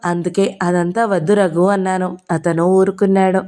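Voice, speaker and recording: A woman's voice: lowish voice, level tone, moderate pace, mellow, natural voice. A woman reading the part of an earnest young wife in an audio novel, in her own voice.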